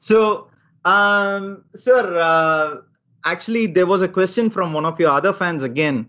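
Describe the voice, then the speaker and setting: Guy hosting a podcast, high voice, gushing n respectful, muffled call audio. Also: normal speed, bright, forceful tone, slight background noise. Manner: effusive, deferential, often saying sir. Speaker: podcast host. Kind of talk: casual interview chat. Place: small room at home, on a video call.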